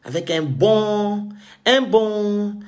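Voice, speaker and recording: A man's voice: high-pitched, very slow, darkish tone. A man from Cameroon, delivering an indignant, sarcastic monologue rant as a vlogger.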